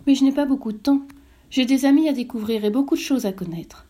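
A woman's voice: high-pitched, fast talker, dark tone, pitched above the performer's own voice. A woman voicing an earnest, wistful young boy prince in a storybook reading, raised and plaintive. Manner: plaintive, questioning.

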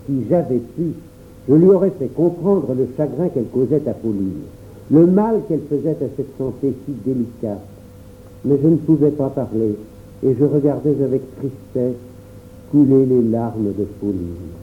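A man tells the story in the first person at a calm, measured pace, with a mid-range voice. The sound is thin and phone-like, with a faint noise underneath. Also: medium pitch. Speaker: narrator. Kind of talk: storybook narration. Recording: tinny phone-like audio with faint hum.

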